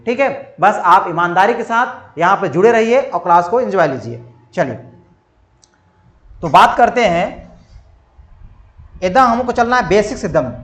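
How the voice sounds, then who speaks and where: A man with a high, slightly bright voice teaches reasoning for competitive exams in an echoey room. He keeps posing questions and answering them himself, over and over, hammering points home in this exam-prep lecture.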